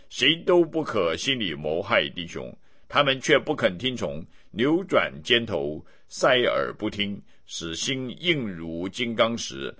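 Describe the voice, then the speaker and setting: A man giving a steady, measured scripted reading of scripture. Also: lowish voice. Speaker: Bible reader.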